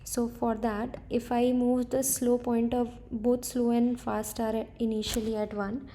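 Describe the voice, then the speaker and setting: A woman's voice: a little high, flat delivery, a little slow, mellow, slight background noise. A woman thinking aloud as she works through a coding problem, hesitant and correcting herself as she goes. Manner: hesitant, tentative, self-correcting. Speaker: coding tutor.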